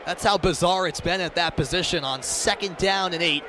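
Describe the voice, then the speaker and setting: An American man calls live radio play-by-play in a high-pitched voice at normal speed, describing the action in detailed, punchy phrases. Crowd noise and other background noise run under his commentary.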